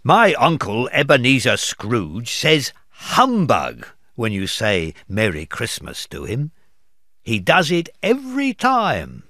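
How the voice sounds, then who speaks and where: A man reading aloud voices a kind, cheerful young nephew with a raised, bright delivery. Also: mid-range voice, wildly swooping pitch, takes it slowly, no echo, studio quality, heavily acted. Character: male kindly Cheerful nephew Fred.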